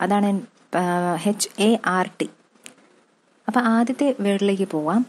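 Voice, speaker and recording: A woman with a Malayali accent teaching an English vocabulary lesson, slowly spelling out words letter by letter and repeating them. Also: medium pitch, darkish tone. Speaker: exam-prep English tutor. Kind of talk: classroom-style lesson.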